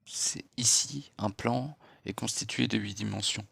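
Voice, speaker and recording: Gravelly, hushed man. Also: lowish voice, dry recording. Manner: hushed, unhurried, lecturing with rhetorical questions. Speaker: spiritual speaker. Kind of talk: late-night spiritual monologue.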